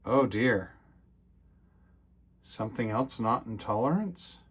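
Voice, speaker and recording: A man talking casually to camera while testing and repairing old computers, thinking aloud with lots of fillers and getting excited when things work. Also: mid-range voice, slow pace, heavy background noise. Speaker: retro computer repair vlogger. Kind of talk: casual hands-on repair commentary.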